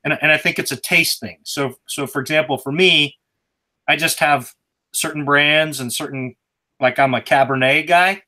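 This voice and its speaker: A man's voice: on the high side, moderate pace, sharp tone. A middle-aged man, a dad chatting on a family video call, joking and rambling through long explanations. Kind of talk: casual chat.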